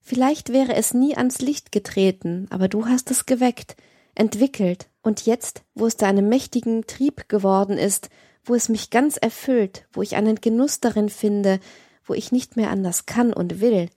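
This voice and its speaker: A woman's voice: fairly high pitch, normal speed, mellow, husky, no room sound, clean studio sound. A cold, commanding mistress, as a woman reader voices her. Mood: stern, commanding. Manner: stern, haughty, contemptuous. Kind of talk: audiobook reading of a classic novel.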